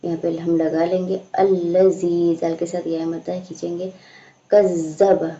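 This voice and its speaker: A woman teaching a slow, patient recitation lesson, explaining each sound and stretching out the recited words. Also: lowish voice, little pitch movement, mellow. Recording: echoey room, dull lo-fi sound.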